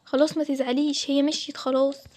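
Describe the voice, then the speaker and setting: A woman's voice: high-pitched, level tone, quick pace, a little mellow, natural voice. Woman voicing a placating Egyptian groom. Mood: soothing. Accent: Egyptian Arabic. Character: young groom, torn and soothing.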